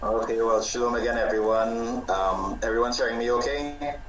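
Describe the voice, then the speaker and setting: A man's voice: medium pitch, fairly even intonation, moderate pace, a bit bright, roomy sound, a little hiss or hum, low-quality recording. A man from Trinidad, born in the US, introducing himself as a panel guest over a video call, hesitant and correcting himself as he goes. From born in the US, grew up in Trinidad. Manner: hesitant, starts with "well" and self-corrections. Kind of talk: self-introduction in a panel discussion.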